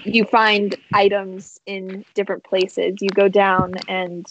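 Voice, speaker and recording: A woman narrating a tabletop role-playing game as game master, in a relaxed, rambling way with many fillers. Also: medium pitch, slow pace, highs cut off, a little hiss or hum.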